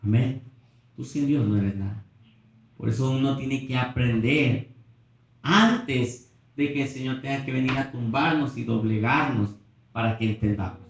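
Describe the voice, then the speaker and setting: A man preaching a Pentecostal sermon, emphatic, rising to near-shouting when he reads Scripture, recorded on a phone from the back of a church. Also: medium pitch, a little slow, pauses often, dull audio, slight background noise. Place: church hall. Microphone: phone camera at a distance. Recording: echoey church, phone from far off.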